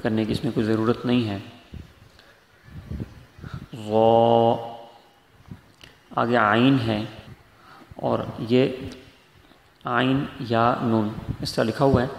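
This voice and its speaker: Gravelly male tajweed teacher, echoey room. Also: medium pitch. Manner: patient, explanatory, drawn-out letter demonstrations. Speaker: Quran recitation teacher. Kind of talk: tajweed lesson. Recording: echoey room with faint noise.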